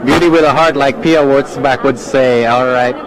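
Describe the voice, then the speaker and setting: A man's voice: mid-range voice, steady tone, moderate pace. A man interviewing guests live in gushing red carpet chatter, complimentary and echoing their answers. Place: outdoor red carpet event. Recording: noisy crowded outdoor event, traffic.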